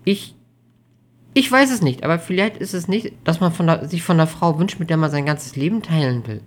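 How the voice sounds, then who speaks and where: A reader of a German audiobook voicing an insecure, tearful young woman in her twenties who speaks high and hesitantly, often restarting her words. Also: lively intonation, moderate pace. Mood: anxious. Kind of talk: audiobook reading.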